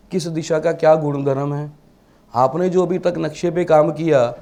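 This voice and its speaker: Warm in tone and on the high side, this man's voice carries a classroom lecture on vastu. He teaches in Hindi, slipping in English terms and posing rhetorical questions to the class.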